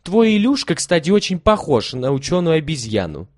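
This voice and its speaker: A scheming, bossy boy who plans the game and orders his brother about, as a male reader puts him on. He speaks loudly, and his storybook voice swings widely. The recording is dry and close. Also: a little high, big pitch swings, moderate pace, no room sound, voice pushed up. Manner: loud, coaxing, then commanding.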